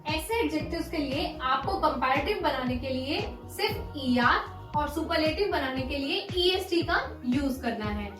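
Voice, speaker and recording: A woman teaching English grammar in a lesson, slowly spelling out word forms one by one. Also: sits high, lively intonation, fairly bright tone, echoey room, soft background music, rough recording. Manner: slow, deliberate dictation of word forms.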